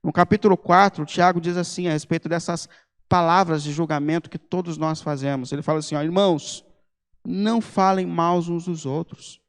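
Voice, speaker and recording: A man preaching a sermon as pastor, speaking Brazilian Portuguese, emphatic and conversational, mixing personal stories with forceful appeals. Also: fairly high pitch, steady tone, moderate pace, smooth, big-room sound. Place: church hall.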